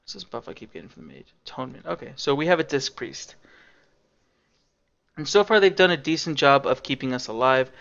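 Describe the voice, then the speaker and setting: A young man with a gravelly, fry-edged voice at a middle pitch talks through a dungeon run. He is casual and sarcastic, drops a curse now and then, and slips in teaching tips as he plays. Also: lively intonation, a little fast, fairly bright tone, lo-fi sound. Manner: sarcastic, casual, swears freely. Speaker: game streamer. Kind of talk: gameplay commentary.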